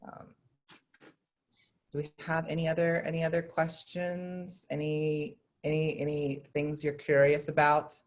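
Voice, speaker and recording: Someone who moderates and collaborates in theater chats casually over a video call, fielding questions while hesitating and rambling a bit. The mid-range voice is completely flat, at a measured pace.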